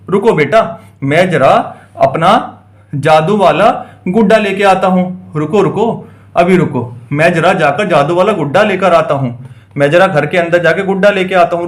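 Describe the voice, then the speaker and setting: A man voicing a kindly old holy man with magic in a doll play story, slow and reassuring. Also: high voice, natural voice.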